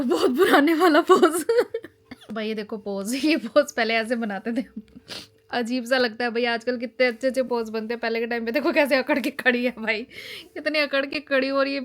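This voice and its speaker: A woman, chatting animatedly as she shows her wedding album in a family vlog. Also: fairly high pitch. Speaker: family vlogger. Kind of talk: casual chat while showing wedding album.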